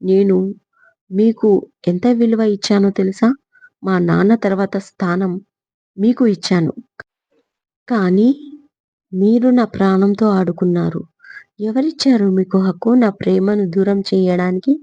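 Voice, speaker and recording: A woman's voice: medium pitch, measured pace, long pauses, dark tone, no room sound, highs cut off. A woman voicing a bitter, accusing young man. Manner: harsh, accusing. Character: angry young man confronting his scheming aunt.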